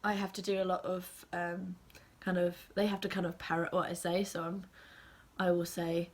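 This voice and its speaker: A young woman with an English accent talks casually to camera while sick with a cold. Her voice sits slightly low. She rambles along with frequent ums and drops into soft, half-whispered asides. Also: little pitch movement, normal speed. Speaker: assistant language teacher and vlogger.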